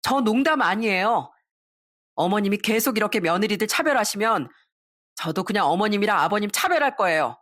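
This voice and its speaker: A woman's voice: medium pitch, animated, fairly quick, fairly bright tone, dry recording, studio quality. A woman voicing an outspoken elder sister-in-law who stands up to her mother-in-law. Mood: defiant. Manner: blunt, defiant.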